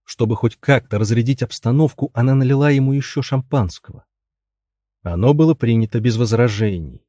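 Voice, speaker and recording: A man narrating a story in a measured reading style, close to the mic. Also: medium pitch, dark tone, dry recording. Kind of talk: audiobook narration.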